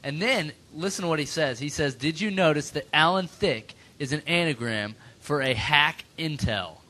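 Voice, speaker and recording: A man hosts a casual comedy podcast, reading listener emails and teasing his co-host. His voice is bright and forward, sitting a bit high for a man. His delivery stays loose and jokey. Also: lively intonation, moderate pace. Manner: jokey, playful, reads emails in mock voices.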